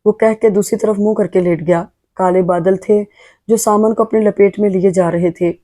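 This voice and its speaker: A woman narrating a romance novel in a steady, measured storytelling voice. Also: mid-range voice. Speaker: audiobook narrator.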